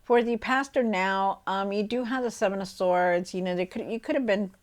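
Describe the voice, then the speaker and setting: A woman's voice: mid-range voice, fairly even intonation, normal speed. Chatty woman giving a tarot reading. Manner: chatty, many fillers and asides. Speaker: tarot reader.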